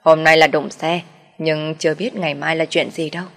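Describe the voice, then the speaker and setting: A woman voicing a harsh, bitter older mother-in-law who berates loudly in a storybook tale. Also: fairly quick. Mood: scolding. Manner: shrill, berating, loud.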